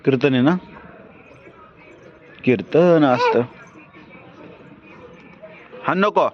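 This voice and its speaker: A woman's voice: sits low, lively intonation, extremely slow, a crowd in the background. A woman talking casually with her small children in a home vlog, alternately scolding and coaxing them. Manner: scolding, coaxing, fussing over small kids. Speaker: family vlogger, parent. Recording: dull lo-fi sound with loud outdoor noise.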